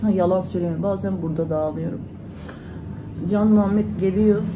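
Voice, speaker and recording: A woman's voice: medium pitch, noisy background. A woman vlogger, chatting casually to her followers at home and retelling conversations in reported speech. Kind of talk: casual vlog talk to followers.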